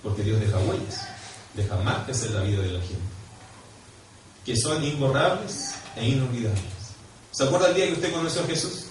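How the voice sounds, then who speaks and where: Chilean male pastor, lively sermon delivery, questions the flock, recorded from afar in a reverberant church with faint hiss. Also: medium pitch, normal speed. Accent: Chilean Spanish. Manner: animated, swings from quiet to loud and emphatic; questions and prompts the congregation directly. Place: church hall. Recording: echoey church hall, mic far off.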